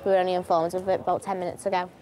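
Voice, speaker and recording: A woman's voice: fairly low pitch, flat delivery, racing, mellow, soft background music. A woman, an airline supervisor talking in a documentary interview. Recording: clear airport background noise.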